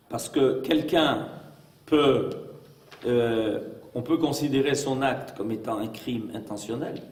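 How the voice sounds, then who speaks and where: A man's voice: medium pitch, darkish tone. A man as a rabbi giving a religious lesson, emphatic and full of rhetorical questions. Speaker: rabbi teaching a class. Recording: echoey room, mic far off.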